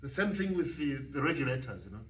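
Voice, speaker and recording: A man's voice: medium pitch, sing-song, fairly bright tone. Zambian man speaking on a panel. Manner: thoughtful, halting with many fillers. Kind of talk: panel discussion. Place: event hall at a panel discussion. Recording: distant mic, faint room noise.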